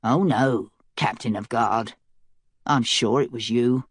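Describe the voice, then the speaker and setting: A woman's voice: rumbling low, slow pace, slightly rough, no echo, studio quality, voice pushed down, exaggerated voice. A woman voicing a cynical, scheming male prisoner who speaks in a mocking drawl.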